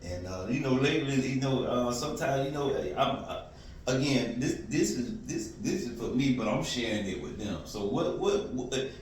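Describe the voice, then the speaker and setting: A man in his forties from Florida, hosting a casual interview in an easygoing, slangy way with drawn-out fillers. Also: mid-range voice, animated. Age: 40s. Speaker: host. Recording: echoey room, distant mic, faint noise.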